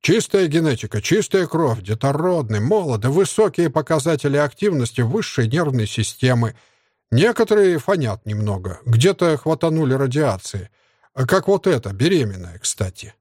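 A man's voice: mid-range voice, very animated, moderate pace, darkish tone, no echo, clean studio sound. A man voicing a drug-addled, giggling sadistic surgeon henchman in an audiobook. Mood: cheerful. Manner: cheerful, giggly, whiny when scolded. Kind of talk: audiobook character voice.

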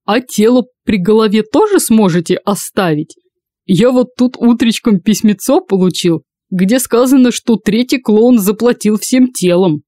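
A woman voicing a cheeky male drunkard jester who talks in a loud, mocking way. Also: mid-range voice, unhurried, no echo, pitched above the performer's own voice, natural voice.

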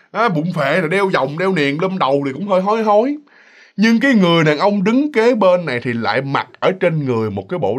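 A man tells a ghost story to his listeners. His voice sits high and swoops through a wide range as he chats along, and he slips into the voices of the people in the story. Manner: chatty and animated, addresses listeners directly, acts out voices.

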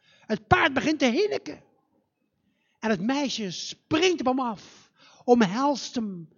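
A man telling a fairy tale live in a church, in a slow, dramatic and animated way. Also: extremely high pitch, breathy edge, muffled recording. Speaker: storyteller.

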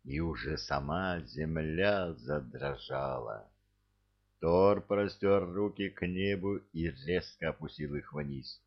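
A man reads an audiobook in a measured, dramatic storytelling manner. His voice is very low and gravelly, and he takes his time. The recording sounds dull and lo-fi. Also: sing-song. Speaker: audiobook narrator. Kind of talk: audiobook reading.

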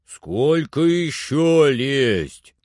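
A man reading aloud and voicing an older male servant who calls down from high up a tree in a plaintive, drawn-out way. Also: animated, no echo, studio quality.

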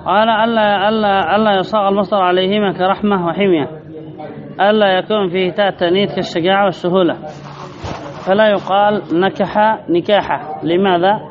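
Male grammar teacher, higher voice, reads and explains, repeats himself; dull recording, audience noise behind. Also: steady tone, brisk, crowd noise. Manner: reads a line then explains, repeats phrases and asks questions. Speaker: sheikh teaching Arabic grammar. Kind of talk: classroom lesson explaining a text.

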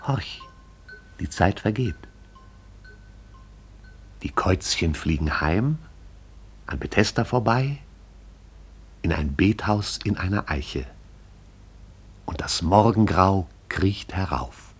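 Telling the story of a radio play, the male narrator speaks in a somewhat low, husky voice. The delivery is scripted, measured and lively in its intonation, suited to broadcast drama.

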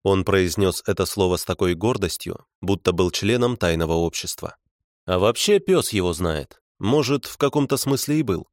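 A man's voice: low-pitched, animated, normal speed, no echo. A man narrating an audiobook in the first person, with a dry, wry storytelling manner.

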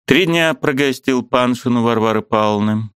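A man reading a classic novel aloud as an audiobook narrator, measured and unhurried. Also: medium pitch, fairly bright tone, clean tone, no room sound, studio quality. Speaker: audiobook reader.

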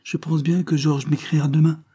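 A man voicing an elderly lady, a reserved and worried mother, speaking in a soft, restrained half-voice. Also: a little high, level tone, moderate pace, slightly rough, voice pushed up.

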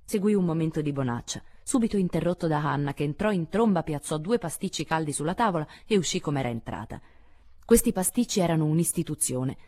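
Low, mellow woman reading a novel. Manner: measured, expressive, lowering for asides. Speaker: audiobook reader. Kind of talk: literary audiobook narration.

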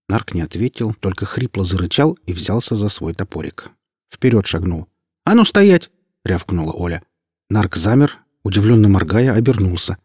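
A man narrating an audiobook in a steady storytelling voice. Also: fairly low pitch, breathy edge, dry recording, clean studio sound.

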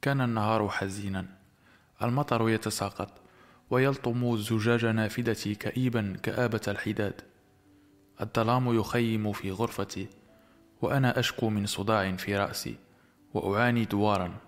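Low-voiced male audiobook narrator. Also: fairly even intonation, moderate pace, faint music behind.

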